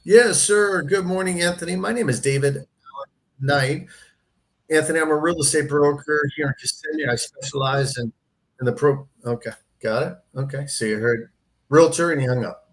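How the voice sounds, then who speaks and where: A man's voice: a little high, normal speed, poor audio. Courteous man making sales calls. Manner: polite and courteous, sir and ma'am. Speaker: real estate broker. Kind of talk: cold-calling on the phone.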